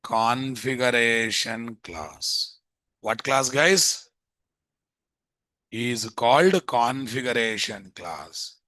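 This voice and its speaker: A male programming instructor with a Telugu Indian accent lectures in a forceful, bright voice. He dictates at an unhurried, slow pace, repeating phrases and checking in with tag questions. The sound is dry, with very little room in it. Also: mid-range voice, animated, dry recording. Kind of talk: live online lecture, dictating notes while typing. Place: indoors, live screen-share online class.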